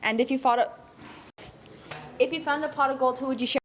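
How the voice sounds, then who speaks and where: A young woman asking quick questions in casual street interviews as a student reporter. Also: high-pitched, fairly even intonation, slight background noise, poor audio.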